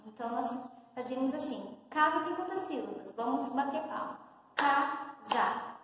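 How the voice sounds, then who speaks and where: A young woman from São Paulo state teaching a first-grade class, explaining slowly and patiently with many questions to the pupils. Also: sits high, lively intonation. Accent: Brazilian Portuguese, São Paulo state. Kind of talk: recorded lesson for young pupils. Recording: very echoey room, long reverb, faint noise.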